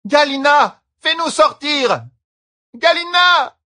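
A man voicing a desperate, trapped noblewoman who cries out in shrill, wailing tones. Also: animated, slow pace, pushed and bright, exaggerated voice. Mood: screaming.

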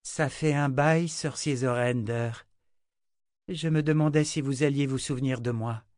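A man voicing a gentle, sad young woman who has lost her visions, in an audiobook. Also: medium pitch, fairly even intonation, measured pace, no echo, studio quality, pitched above the performer's own voice, close to an everyday voice. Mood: wistful. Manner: soft, wistful.

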